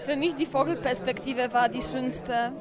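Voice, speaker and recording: A young Polish woman, a native Polish speaker, gives short, cheerful answers in German with a Polish accent. Her voice sits high. A loud crowd surrounds her. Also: steady tone, normal speed. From Poland. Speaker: exchange student. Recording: crowd noise behind.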